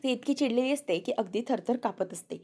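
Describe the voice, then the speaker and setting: A woman's voice: fairly high pitch, expressive, a little fast, warm tone, breathy edge. A young woman narrating a TV serial episode as a spoken story, voicing the characters' lines herself. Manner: narrates plainly, then lifts her voice for characters' quoted lines. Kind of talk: storytelling recap with acted-out dialogue.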